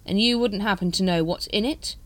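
A woman's voice: medium pitch, a little fast, no echo, pitched above the performer's own voice, close to an everyday voice. A woman voicing a weary, sardonic male watch captain in a storybook, dry and resigned in manner.

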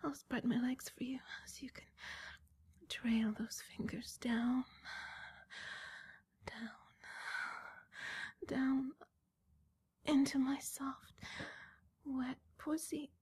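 Breathy whispering woman, high voice. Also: fairly even intonation, extremely slow, long pauses, a little mellow. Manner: breathy whispering broken by moans. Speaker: erotic audio performer. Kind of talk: whispered erotic roleplay.

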